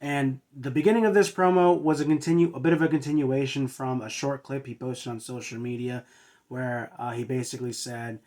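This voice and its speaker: A man's voice: mid-range voice, steady tone, brisk, a little mellow. A man hosting a wrestling review, casually recapping in a hesitant way with many uhs and restarts. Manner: hesitant, filler-heavy with frequent uhs and restarts. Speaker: wrestling show reviewer and host.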